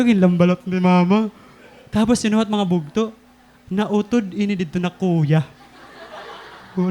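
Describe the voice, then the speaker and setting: A young man in his twenties with a Filipino accent, preaching a sermon as an animated story, laughing often. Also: sits high. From Philippines. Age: 20s.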